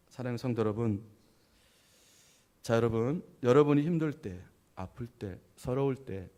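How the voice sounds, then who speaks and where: A middle-aged man, a pastor, giving a conversational sermon. He tells stories, keeps adding "yes", and swings between loud emphasis and soft, trailing phrases. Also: on the low side. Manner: conversational storytelling with frequent "예" affirmations.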